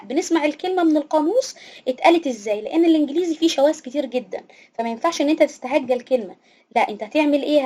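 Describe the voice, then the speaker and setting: A young woman with an Egyptian Arabic accent and a high voice gives a children's English lesson. She says each new word slowly and repeats it several times before moving on. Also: dark tone. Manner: repeats words slowly, drawing them out. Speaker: English teacher.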